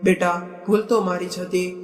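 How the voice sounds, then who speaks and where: A man voicing a weary father fed up with his proud daughter in a read-aloud storybook, in a plain, even manner. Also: high voice, normal speed, echoey room, big-room sound, faint music behind, natural voice.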